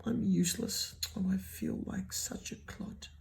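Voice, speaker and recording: A tall, earnest storybook giraffe who doubts himself, acted out by a woman. The voice is soft and breathy with a creaky edge, sincere and unguarded. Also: medium pitch, a little slow, a little hiss or hum, voice pushed up. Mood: dejected, wistful. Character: sad, self-doubting tall giraffe, finding joy in dancing.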